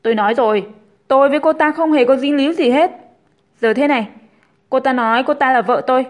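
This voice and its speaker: A cold, blunt young man, as a woman narrator plays him, curt and scornful in a spoken storybook. The voice stays high and bright, with no real drop into a male register. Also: fast, close to an everyday voice. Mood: insistent.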